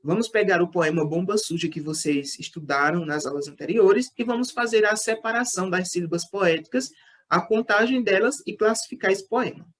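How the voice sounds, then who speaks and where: Counting syllables aloud, a teacher with a Brazilian Portuguese accent patiently explains a lesson in an online class. She speaks in a mid-range voice at a moderate pace.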